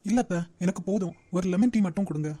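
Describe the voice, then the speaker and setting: Woman voicing a soft-spoken gentle young man. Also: lowish voice, fast talker, slightly rough. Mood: placating. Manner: soft, placating.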